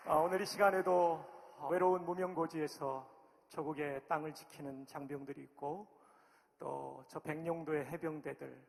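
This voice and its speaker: A man's voice: fairly high pitch, gravelly. A middle-aged man from Chungcheong, a pastor and former army chaplain, preaching a sermon in a friendly, chatty way. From Chungcheong, Korea. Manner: friendly, chatty, cheering the crowd on. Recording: long hall reverb.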